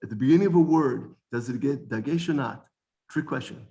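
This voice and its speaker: A man teaching an informal Bible study lesson, animated, often repeating words and restarting sentences. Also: mid-range voice, fairly quick.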